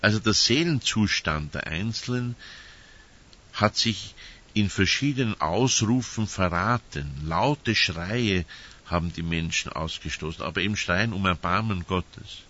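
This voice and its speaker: An older priest gives a conversational sermon full of anecdotes, often tacking on tag questions. His low voice is a little slow, pushed and bright, and the recording sounds dull and muffled.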